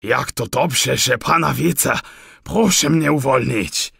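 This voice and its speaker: Gravelly German-accented raccoon. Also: male voice, mid-range voice, takes it slowly, fairly bright tone, no room sound, clean studio sound, voice pushed up, full character voice. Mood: relieved, pleading. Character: scared captive male raccoon, German-accented. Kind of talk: audiobook character voice.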